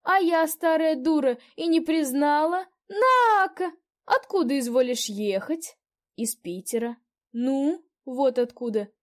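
A woman's voice: sits high, lively intonation, voice pushed up. Woman doing a fussy chattering old peasant woman. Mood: gossiping. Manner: fussy, fawning, quick to exclaim. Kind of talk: audiobook character voice.

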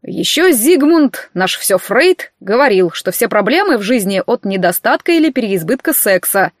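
A woman's voice: medium pitch, sing-song, normal speed, no room sound, clean studio sound. A woman reading the part of a smug young man who plays judge among friends, speaking in a pompous, sententious way.

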